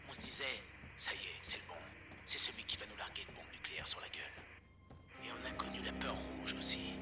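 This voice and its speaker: A paranoid male host comes over a pirate radio broadcast. His voice sits a little low and he leans in close, confiding his warnings like a sermon, and loud game music plays beneath the broadcast. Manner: conspiratorial, preachy, intimate. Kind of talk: scripted radio monologue.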